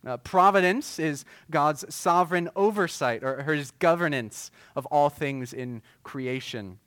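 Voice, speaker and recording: Pastor guy giving a sermon, earnest and measured, lotta uhs, kinda high voice, dry sound. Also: a bit bright, no echo. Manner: earnest, measured preaching with frequent "uh" fillers.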